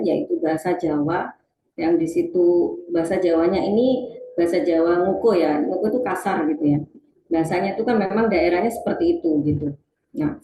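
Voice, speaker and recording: A woman's voice: lowish voice, mellow, echoey room, a little hiss or hum, low-quality recording. A woman presenting an online webinar on teaching reading, talking to the audience and reading out chat replies with many fillers.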